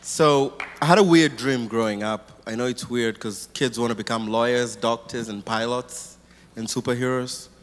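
A man's voice: medium pitch, moderate pace, slight background noise. A man from Kenya, a guest speaker telling his life story earnestly and thoughtfully in church. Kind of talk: personal testimony in church. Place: large church auditorium. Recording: long hall reverb.

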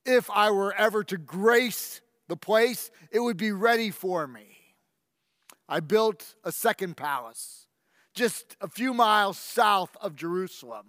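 A vain, tyrannical ancient king, played by a man, who boasts in a high, bright, cutting voice. He speaks slowly and savors every threat, pompous and menacing. The close, dry voice trails off into a long hall reverb. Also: animated, heavily acted. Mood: boastful. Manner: pompous, menacing, with slow drawn-out emphasis. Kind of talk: first-person dramatic monologue.

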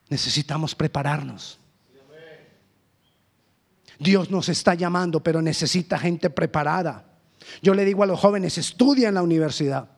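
A Colombian man preaching a sermon as pastor, swinging between loud emphasis and hushed lines. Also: on the high side. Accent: Colombian Spanish.

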